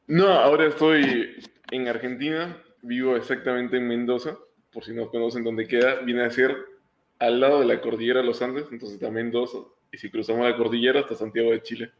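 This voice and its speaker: A man in his twenties from Honduras speaks as a guest over a remote call. His voice has a medium pitch and sounds roomy and echoey. He explains his work in a relaxed, step-by-step way. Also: brisk. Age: 20s. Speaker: guest, engineering student. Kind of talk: casual interview answers.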